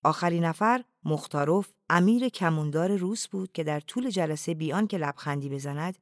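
A narrator reading a novel aloud in a calm, even, often hushed way. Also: mid-range voice, no room sound, clean studio sound.

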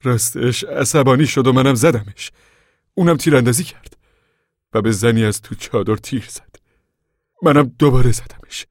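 A man voicing a stubborn male preacher who gives urgent commands in a husky voice. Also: medium pitch, no echo, clean studio sound, pitched above the performer's own voice, lightly acted. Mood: blunt.

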